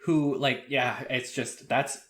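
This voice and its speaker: A man's voice: mid-range voice, fairly even intonation, takes it slowly, fairly bright tone. A man co-hosting a podcast, chatting casually and rambling with many fillers. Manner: rambling, reactive, filler-heavy. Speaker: podcast co-host. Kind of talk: casual chat.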